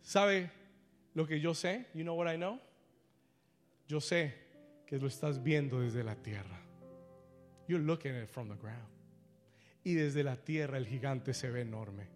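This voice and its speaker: A pastor preaching with fervor, dropping to hushed asides and rising to shouted emphasis, repeating his own lines in English. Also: fairly high pitch. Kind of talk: preaching a sermon.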